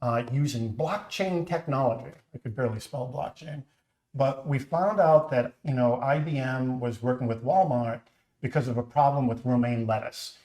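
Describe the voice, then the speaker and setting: A man's voice: medium pitch, moderate pace, a little mellow. A middle-aged man with a Boston accent, a company founder hosting a live stream, telling his story in a chatty, earnest way. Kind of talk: casual live-stream chat. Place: home kitchen. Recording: echoey room.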